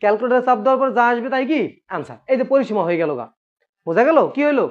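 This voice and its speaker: A man's voice: very high-pitched, expressive, rapid-fire. Man, math teacher, patient, repeats questions, classroom, muffled lo-fi sound. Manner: patient, asks students questions and repeats points. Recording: dull lo-fi recording.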